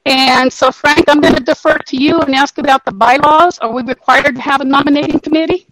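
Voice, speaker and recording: A woman speaking loudly in an online meeting, right up against a sensitive microphone that crackles and overloads. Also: high-pitched, steady tone, fairly quick. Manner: loud, close to the mic. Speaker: meeting participant. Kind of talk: casual discussion in an online meeting. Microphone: very sensitive mic held too close.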